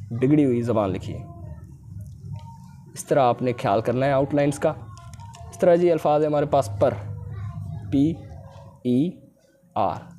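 A man's voice: medium pitch, mellow, a little hiss or hum. A man teaching a shorthand lesson patiently, repeating key points and asking his students questions. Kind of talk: recorded lecture.

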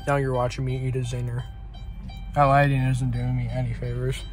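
A man's voice: medium pitch, level tone, brisk, soft background music. A man chatting casually into a handheld phone camera while vlogging in a car and outside, offhand with lots of fillers. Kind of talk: casual vlog chat. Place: car and outdoors. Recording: phone recording with car and street noise.

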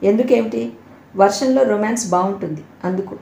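A woman's voice: mid-range voice, fairly quick, vocal fry, mellow, a little hiss or hum, close to an everyday voice. A woman reading the part of a playful, teasing young man in an audio novel, in an echoey room. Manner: teasing, cheeky.

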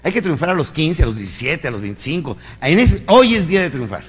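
Mexican man, motivational speaker, emphatic preaching delivery, rhetorical questions, fairly high voice, long hall reverb. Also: big pitch swings, fairly quick, slightly rough. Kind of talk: live motivational lecture.

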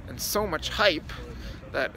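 This young male vlogger takes his time, speaking slowly in a voice on the high side with lively intonation. Phone held at arm's length, he chats his way through a casual tour of a city square at dusk while background noise plays underneath.

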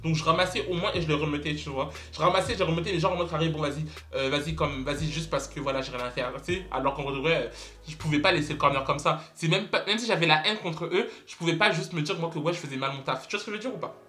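Fast, bright-voiced young man ranting. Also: on the high side. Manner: dramatic, exclamatory, repeats words for emphasis. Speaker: vlogger. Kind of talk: casual storytime vlog.

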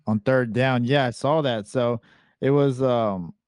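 A man hosts a casual sports talk show, narrating game footage play by play in a loose, chatty manner. His voice sits at a middle pitch and sounds dry and close to the mic. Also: a little slow, clear, resonant tone, no echo. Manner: walks through game clips, relaxed and chatty. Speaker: podcast host.

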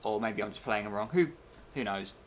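A young adult video blogger chats and rambles casually, speaking a little fast at a fairly low pitch. He's indoors in a small bedroom, picked up by a webcam microphone at his desk at arm's length.

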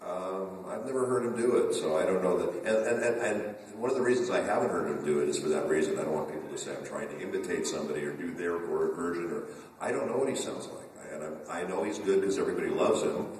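A low, fast, slightly mellow male voice belongs to a voice actor fielding fan questions on a convention panel. He chats and jokes like a storyteller, frequently restarting sentences. Captured by a far camera off a table mic in a big function room, the audio is echoey with slight hiss or hum.

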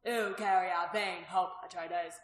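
A woman reading the part of a sly, prosperous, graying male innkeeper who talks loudly and teasingly, in a storybook reading. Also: fairly low pitch, steady tone, unhurried, close to an everyday voice. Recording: roomy echo.

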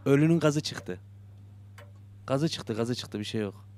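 With an unhurried, slightly mellow mid-range voice, a young gaming YouTuber talks through a horror game. He jokes and mutters to himself, then yelps when frightened, and there's a little hiss or hum.

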